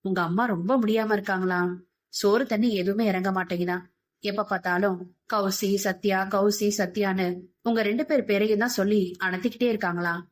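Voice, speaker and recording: A woman voicing a gentle middle-aged husband and father who talks in a soft, coaxing, pleading way. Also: medium pitch, steady tone, brisk, lightly acted.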